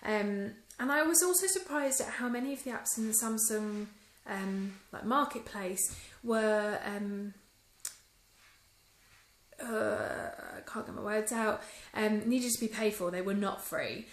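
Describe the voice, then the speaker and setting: On a phone held at arm's length, a woman records a casual review vlog, chatting with plenty of ums and small restarts and sounding mildly disappointed. Her mid-range voice moves a little slowly, and the room around her echoes noticeably.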